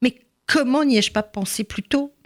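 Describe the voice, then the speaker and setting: A woman voicing a poor, eager father in a told story, with excited exclamations. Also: fairly high pitch, normal speed, pitched above the performer's own voice, close to an everyday voice. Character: poor jobless father, hopeful then eager.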